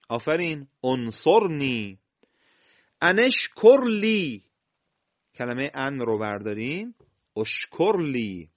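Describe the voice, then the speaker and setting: Man teaching recitation, lively pitch. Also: dry recording. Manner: explains step by step, quizzes the listener with questions, praises with "well done"; drawn-out, stressed recital of example words. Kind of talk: spoken lesson. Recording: dull, dry, lo-fi sound.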